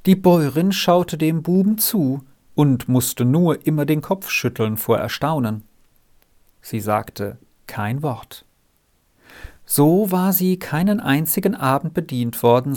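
Calm slow man reading a story. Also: medium pitch. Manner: calm, measured narration.

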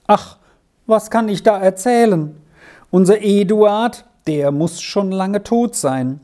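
An anxious, pleading old housekeeper from a storybook, put on by a female reader. She talks with slow, soft urgency in a dark, mellow tone, pitched a little above the reader's own low voice. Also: lightly acted. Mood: worried pleading.

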